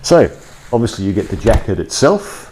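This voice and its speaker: A workshop vlogger with a lowish, darkish voice gives a casual, chatty product review in his cold workshop, thinking aloud as he goes. His pitch swings widely at a normal pace, and the clip-on lapel mic picks up slight background noise.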